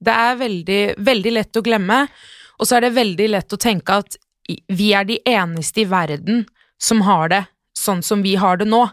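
Measured woman co-host, thoughtful chat, dry close mic. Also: medium pitch, dry recording. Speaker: podcast co-host. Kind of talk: casual chat.

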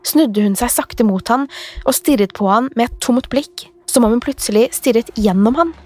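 A woman narrates a scripted horror story in the first person, calm and measured. Her voice sits somewhat high, with faint music playing beneath her studio-clean reading. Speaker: podcast narrator.

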